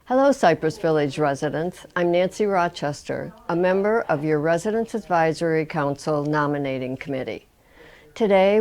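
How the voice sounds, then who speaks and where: Woman reading a formal announcement, low-pitched. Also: darkish tone. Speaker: residents' council committee member. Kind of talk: read announcement.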